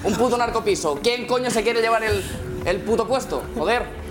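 A man's voice: high-pitched, moderate pace. A man with a Spanish accent from Spain doing brash, goading live banter as a show reporter, often swearing freely. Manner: foul-mouthed, goading. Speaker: reporter and co-host of a comedy show. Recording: music behind the voice.

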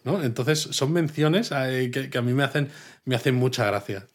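A man's voice: mid-range voice, normal speed. A man, co-hosting a casual film review chat and adding details and references with enthusiasm. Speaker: podcast co-host.

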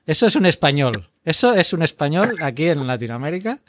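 A man's voice: fairly high pitch, very animated, brisk, fairly bright tone, a little hiss or hum. A man hosting a podcast in casual, joking banter with his co-hosts. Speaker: podcast host. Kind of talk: casual chat. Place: El Salvador.

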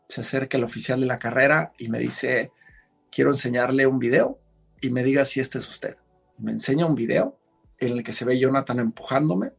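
A man, a podcast guest, telling a story in casual conversation, animated and acting out what others said. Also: a little high, vocal fry, slightly rough. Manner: animated storyteller, acts out shouted quotes.

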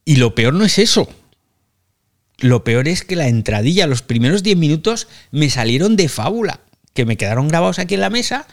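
A man's voice: a little high, sing-song, fairly quick. A man with a Spain Spanish accent hosts a loose live audio chat, talking into a phone mic. He is chatty and self-mocking and drops casual swears. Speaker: podcast host.

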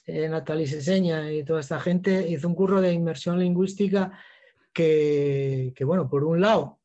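A man with an Asturian accent, a guest on an interview, telling lively anecdotes with many halting restarts. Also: a little high, muffled recording. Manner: animated storyteller, halting restarts, acts out voices in anecdotes. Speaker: actor and writer, guest. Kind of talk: casual interview chat.

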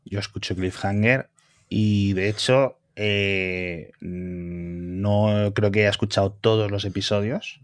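A man with a Spanish accent, a podcast guest who jokes in a dry, deadpan way. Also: lowish voice, slow pace, dry recording. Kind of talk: casual podcast chat.

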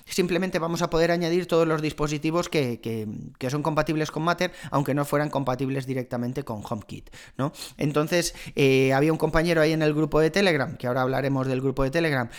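A man with a slightly hoarse voice from a cold hosts a casual solo podcast. He rambles in a friendly, chatty way, often restarting his sentences and filling pauses as he talks. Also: a little high, fairly even intonation. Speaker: podcast host.

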